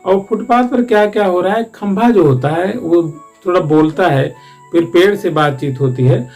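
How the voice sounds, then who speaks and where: A man with a slightly high voice explains the plot of a school play to students. He talks loosely and rambles, restarting his sentences as he goes. Faint music plays in the background. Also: normal speed, darkish tone. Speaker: teacher.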